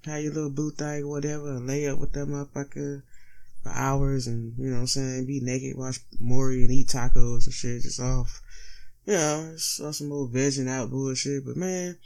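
Stoned guy doing a solo podcast, kinda sluggish, super slangy, swears a ton, mid pitched voice. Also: little pitch movement, normal speed, vocal fry, a little mellow, rough recording. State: stoned, sluggish from being high. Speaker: podcast host. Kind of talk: casual solo podcast monologue.

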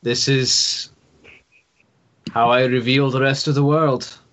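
A man role-playing a calm, noble and determined adventurer in a tabletop game, speaking in a composed, formal, measured way. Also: mid-range voice, poor audio. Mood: calm resolve. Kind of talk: in-character tabletop role-play.

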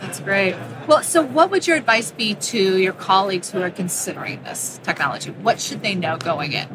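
A woman interviewer asks her questions in a mid-range voice and keeps the talk moving with frequent small, encouraging responses. Loud exhibit hall noise surrounds her. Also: medium pitch, lively intonation, normal speed. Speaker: interviewer, magazine editor. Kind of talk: interview hosting. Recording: noisy trade show hall.

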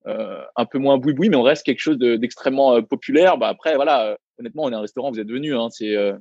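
A man co-founder of a restaurant chats on a podcast, hesitant and full of restarts. His voice sits at a middle pitch. The recording is dry and a little dull. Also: darkish tone, no echo. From Vietnamese heritage, raised in France. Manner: halting, many fillers and restarts. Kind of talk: casual podcast interview.

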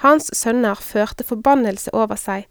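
A woman reading scripture aloud at a measured pace. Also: a little high, smooth, no room sound, clean studio sound. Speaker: scripture reader. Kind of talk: Bible reading.

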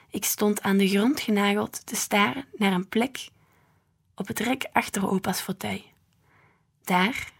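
Husky-voiced woman reading a children's book. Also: medium pitch. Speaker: audiobook reader.

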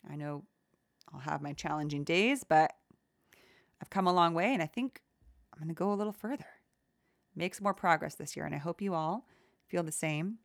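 A woman hosting a solo podcast, talking in a soft, gentle and soothing way as she reflects aloud. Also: low voice, normal speed, creaky, long pauses, no echo, studio quality. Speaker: podcast host.

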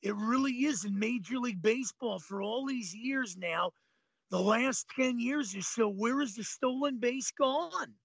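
A man's voice: very high voice, a little slow, vocal fry, a bit bright, slightly rough, no echo. A man in his late fifties, co-hosting a casual sports talk show in a laid-back, chuckling way. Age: 50s. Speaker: co-host.

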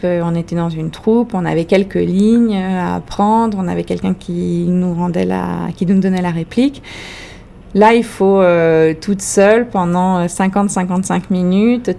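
A woman from France with a French accent, a comedian answering interview questions in a reflective way, often pausing to search for her words. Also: lowish voice, creaky, warm tone, a little hiss or hum. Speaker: comedian guest.

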